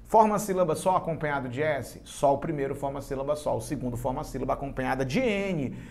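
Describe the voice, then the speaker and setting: In a mid-range voice with vocal fry, a fast-talking Brazilian-accented man runs a live online grammar class for exam preparation. His style is lively and conversational, and he addresses the students straight on.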